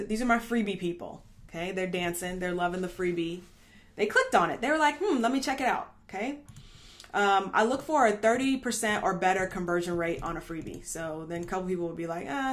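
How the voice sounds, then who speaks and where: A woman coaching a marketing training class in a chatty, upbeat way, checking in often with "okay?" and correcting herself as she goes. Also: on the low side. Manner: thinks out loud, corrects herself mid-stream. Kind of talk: live training lesson.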